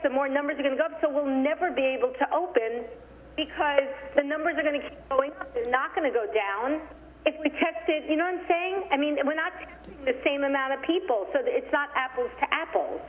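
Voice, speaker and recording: A woman's voice: high voice, a little fast, long reverb tail. A woman calls in on a crackly speakerphone, her voice squeezed thin and narrow as it fades in and out. A faint hiss sits under her words as she presses her questions. She is a county supervisor. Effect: crackly speakerphone call, fading in and out. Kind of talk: meeting discussion by phone. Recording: tinny phone line with faint hiss.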